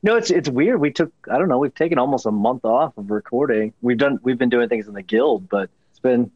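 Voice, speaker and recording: A man's voice: mid-range voice, lively intonation, fairly quick, breathy edge, dry recording, dull audio. A man co-hosting a podcast, teasing and laid-back in casual talk. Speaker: podcast co-host.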